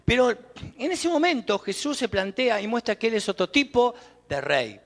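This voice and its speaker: A man's voice: very high voice, big pitch swings, moderate pace, a bit bright. A man with an Argentine accent preaching a sermon as pastor, emphatic and putting questions straight to the congregation. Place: church sanctuary. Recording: long church reverb.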